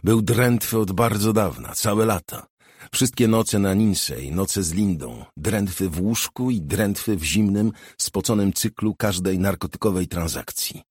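A man reads a novel aloud in a steady, measured way. His voice is low and husky. The recording is dry and close, with no room sound. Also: no room sound. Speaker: audiobook narrator. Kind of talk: scripted narration.

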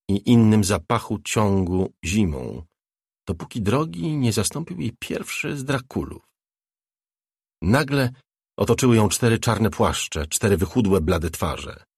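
A man reading a novel aloud as an audiobook narrator, in a measured, even delivery. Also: fairly low pitch, breathy edge, no echo, studio quality. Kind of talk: scripted narration.

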